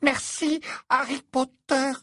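A tiny, eager house-elf, played by a woman, squeaking earnestly in a high, slightly breathy voice. He is devoted and formal, and he sounds close and dry. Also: lively intonation, measured pace, no echo. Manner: earnest and breathless, always addressing his master formally. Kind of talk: audiobook character voice.

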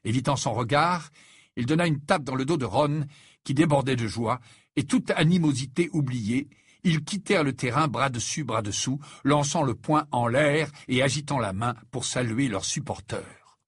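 A man narrating an audiobook and voicing the characters in an expressive way. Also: moderate pace, breathy edge, no room sound, studio quality. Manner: expressive, raises pitch for dialogue.

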